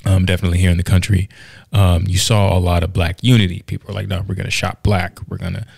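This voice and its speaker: This podcast co-host talks fast in a deep, husky voice with a flat delivery, vocal fry and a darkish tone. Still, he's talkative and laughs easily in the casual chat, constantly restarting sentences and using fillers. The sound is dry.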